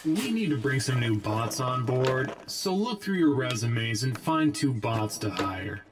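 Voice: medium pitch, lively intonation, a little slow. An actor voicing a stiff, businesslike robot office boss in a video game, with a robotic voice filter. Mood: formal. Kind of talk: game character dialogue. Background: game music.

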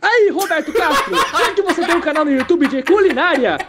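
A man's voice: extremely high pitch, animated, a little fast, very noisy. A man voicing a goofy, unhinged male brachiosaurus hosting a comedy talk show, giggly and random. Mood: silly. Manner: giggly, random, keeps derailing into nonsense.

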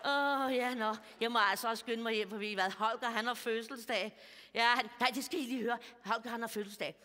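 Woman playing a bawdy old lady, bright and forceful, stage mic with a long hall echo. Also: fairly high pitch, steady tone. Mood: gossipy. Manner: gossipy, bawdy, confiding, chuckling at her own jokes. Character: bawdy chatty older woman of about seventy. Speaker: comedian. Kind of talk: stand-up character monologue.

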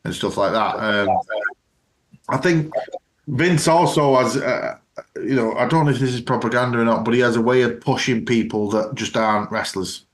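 A man in easy podcast chat, his voice sitting at an ordinary middle pitch. He rambles in loose, hedging sentences and often drops into playful mocking impressions of the people he talks about. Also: moderate pace. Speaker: podcast co-host. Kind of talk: casual chat.

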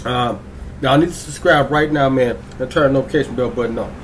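A young man hosting his reaction channel in an excitable, slangy way, stretching out hype words and throwing in singsong ad-libs. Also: mid-range voice, fast, slight background noise. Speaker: YouTube reaction channel host. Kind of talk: hyped casual vlog intro.

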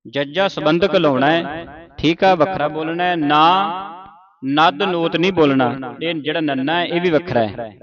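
Man slowly drilling scripture pronunciation. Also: fairly high pitch, highs cut off, a crowd in the background. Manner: slow, syllable-by-syllable drilling with sung phrases. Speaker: Gurbani pronunciation teacher. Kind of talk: line-by-line recitation lesson.

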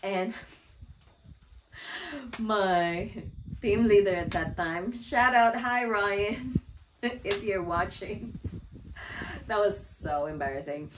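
A woman vlogger telling a casual story in a chatty, giggly, animated way. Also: medium pitch, slow, long pauses, noisy background.

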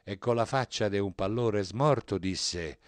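A man's voice: fairly low pitch, unhurried, no echo. A man reciting a comic dialect poem in a theatrical, storytelling rhythm. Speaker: poetry reciter.

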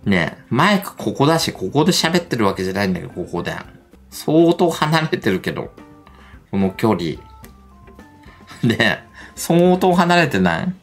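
A middle-aged man chatting on a livestream, gossipy and animated, with a lively voice that swoops up and down. Faint music plays behind him. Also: medium pitch, moderate pace, long pauses. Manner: animated, gossipy, laughs often. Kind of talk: casual livestream chat.

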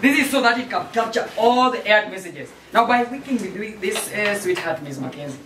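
Playing a talkative American surveillance expert in an amateur production, a man speaks in a high, animated voice at a slightly fast clip. His explanations come out hesitantly, each line tagged with "eh?", and the sound is roomy and distant with a touch of noise.

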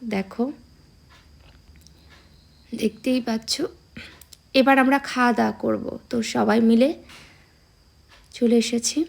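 Young woman with a cold-roughened gravelly voice, chatting away to her followers, fairly high-pitched. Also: fairly even intonation, takes it slowly, pauses often, darkish tone. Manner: chatty, addresses viewers directly. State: hoarse from a cold. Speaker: vlogger. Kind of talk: casual vlog narration. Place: temple grounds outdoors.

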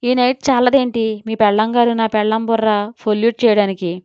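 A sulky young husband from an audio story snaps and mocks, as a woman reader puts him on. The voice stays smooth and dry, with a dull lo-fi tone. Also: on the high side, little pitch movement, fairly quick, darkish tone, dry recording, close to an everyday voice. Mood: demanding. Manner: sarcastic, demanding.

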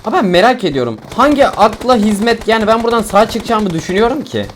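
A young man from Turkey giving excitable, joking commentary while he streams a game, complaining loudly and then muttering low. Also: quick pace. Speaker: gaming streamer. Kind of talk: casual gameplay commentary. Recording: faint game noise and gunfire behind.

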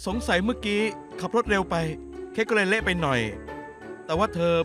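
A man's voice: high voice, fairly quick, over music, lightly acted. A man dubbing a cheeky young man who mocks and jokes flippantly. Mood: joking. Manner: joking, mocking, flippant. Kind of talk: Thai dub of a TV drama.

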